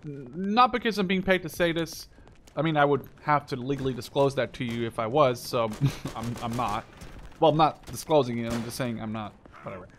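A man in his twenties hosts a gaming video, his medium-pitched, fairly bright voice moving a little fast over a slight hiss or hum. His commentary is casual and rambling, opinionated and emphatic, with some swearing. Game gunfire and clicks sound behind him.

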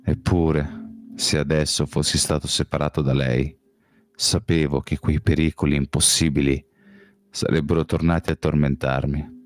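A man reading a novel aloud as an audiobook, in first-person narration with a measured, calm delivery. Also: very deep voice, faint music behind. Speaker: audiobook reader.

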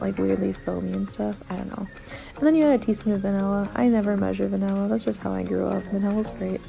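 A woman's voice: mid-range voice, creaky. A young woman chatting casually in a home baking vlog, upbeat and rambling with lots of asides, recorded on a phone camera at home. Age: young adult. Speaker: vlogger. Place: living room couch, then home kitchen.

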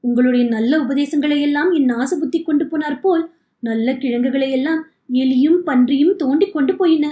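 A tearful young man pleads for forgiveness, his sorrow spilling into every line, as a woman reads him aloud. The voice sits high and mellow. It rings in an echoey room. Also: normal speed, close to an everyday voice. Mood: pleading. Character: remorseful young man, weeping, begging forgiveness.

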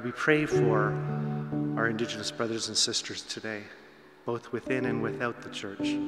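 A man leads a spoken congregational prayer at a pulpit microphone. He speaks in a measured, solemn way. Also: lowish voice. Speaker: prayer leader. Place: chapel. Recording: echoey chapel hall with loud guitar.

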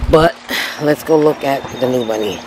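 A woman with a very deep voice and a moderate pace shows viewers around her backyard patio and garden, holding a phone camera outdoors. She's a home renovation vlogger who chats directly to the audience with lively exclamations, and outdoor ambient noise can be heard.

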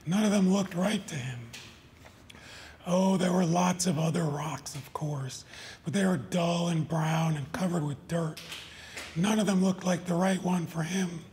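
A man reading his short stories aloud at a live event, in an even, deliberate storytelling manner. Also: sits high. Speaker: author. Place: live reading before an audience.

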